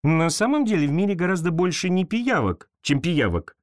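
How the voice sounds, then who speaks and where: A man's voice: big pitch swings, normal speed, no echo, studio quality. A man voicing a kind, cheerful little girl in a fairy tale, talking in a friendly way. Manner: bright, high, friendly.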